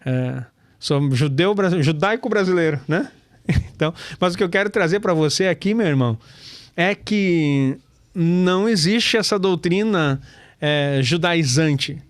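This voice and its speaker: A man's voice: on the high side, animated, measured pace, dry recording. A man, teaching scripture in a casual, chatty way, calling listeners brother and laughing often. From Brazil. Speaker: pastor and Torah teacher.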